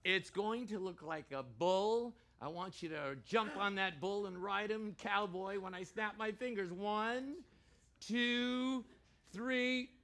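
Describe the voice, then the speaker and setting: A man working as a stage hypnotist in a live show, giving deliberate, commanding countdowns and repeated suggestions. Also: high-pitched. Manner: shouts excited commands to start the action.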